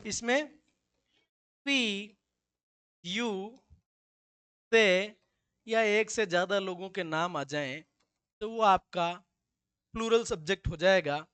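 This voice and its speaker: A man's voice: sits high, takes it slowly, long pauses, a bit bright, clean tone, no echo. A male teacher giving a classroom grammar lesson, with joking asides and slips into local dialect.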